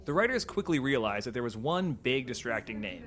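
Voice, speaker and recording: A man giving scripted developer commentary on a video game, with a measured, explanatory read. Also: medium pitch, very animated, crowd noise.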